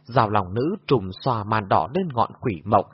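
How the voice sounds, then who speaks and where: A man's voice: lowish voice, animated, normal speed, slightly rough. A man narrating an audiobook in a vivid storytelling way, recorded in a muffled lo-fi way.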